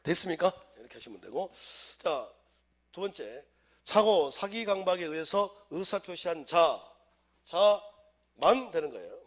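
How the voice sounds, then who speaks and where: A man's voice: on the high side, very animated, a little slow. A man teaching civil law in an exam-prep lecture, drilling students with chants and acting out everyday scenes to explain the rules.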